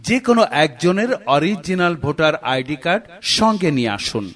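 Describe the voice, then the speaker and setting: A man's voice: on the high side, sing-song, brisk, a bit bright. A man with a Bangladeshi accent acting in a scripted shop advertisement as an agreeable, keen announcer. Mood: promotional. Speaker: advertisement voice artist.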